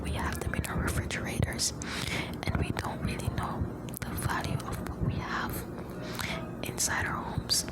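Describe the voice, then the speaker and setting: A woman from the Caribbean whispering ASMR right up close to the microphone, rambling gently in short, broken phrases. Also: rough recording. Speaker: ASMR host.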